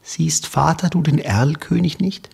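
A man's voice: a little high, unhurried, gravelly, a little mellow, husky, pitched above the performer's own voice, exaggerated voice. A man voicing a terrified young boy who cries out to his father in urgent, pleading calls. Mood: frightened.

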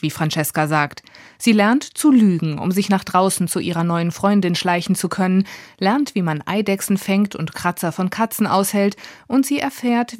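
A woman's voice: mid-range voice, no echo. Woman reading a scripted review, very dry. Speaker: radio book reviewer.

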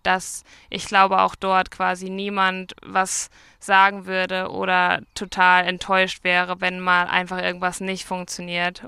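A woman's voice: lowish voice, sharp tone, clear, resonant tone, no room sound, studio quality. A woman in her twenties, a market gardener, answering interview questions outdoors in a chatty, self-correcting way. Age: 20s. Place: outdoors at a vegetable field.

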